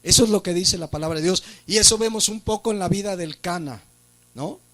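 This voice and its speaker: A male pastor with a Mexican Spanish accent delivers a sermon in a noticeably high voice. He leans on rhetorical questions and lifts his voice to stress key points. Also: a little fast, a bit bright. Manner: preaching with rhetorical questions and emphatic rises. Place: church.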